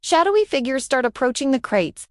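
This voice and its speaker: A woman's voice: high voice, big pitch swings, fairly quick, no echo, studio quality. A woman narrating a storybook and reading every part and cue aloud.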